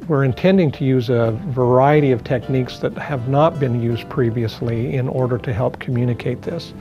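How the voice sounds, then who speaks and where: A man on the production staff explains the show's staging in a deliberate documentary interview. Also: medium pitch, highs cut off. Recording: music bed under the voice.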